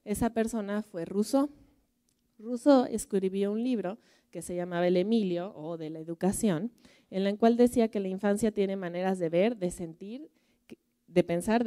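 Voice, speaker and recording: A woman curator with a Mexican Spanish accent gives a public museum lecture, telling folk tales in a chatty, conversational storytelling style with frequent tag questions to her audience. Her voice is medium-pitched, mellow, clear, and resonant.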